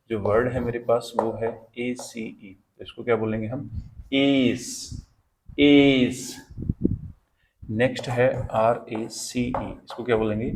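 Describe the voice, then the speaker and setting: A man teaching an online pronunciation lesson, asking his own questions and repeating each word louder as a drill. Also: mid-range voice, a little hiss or hum.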